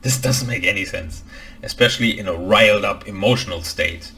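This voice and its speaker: A man's voice: lowish voice, brisk, heavy background noise. A man from Germany who works as a language expert, giving dry, opinionated commentary in a film reaction video. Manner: dry, opinionated critique with deadpan asides.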